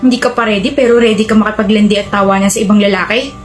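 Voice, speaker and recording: A woman's voice: mid-range voice, steady tone, very fast, faint music behind, lightly acted. A woman playing a pushy, arrogant young male student who taunts and bosses his girlfriend around, in a role-play skit. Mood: domineering. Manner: taunting and domineering.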